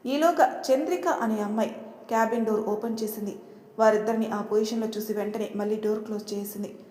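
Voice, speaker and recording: Mellow woman narrating a story in an echoey room. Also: fairly high pitch, fairly even intonation, fairly quick. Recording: roomy with long reverb.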